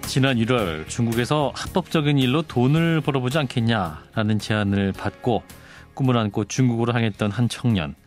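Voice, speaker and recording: Fast-talking male radio interviewer, dry sound. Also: mid-range voice, dry recording. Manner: polite, formal.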